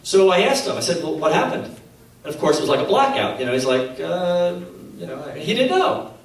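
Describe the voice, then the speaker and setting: At a faith conference, an animated man with a fairly high voice tells stories to an audience at a fairly quick pace. He acts out quotes and laughs at his own tales, recorded by a distant mic in a very echoey hall.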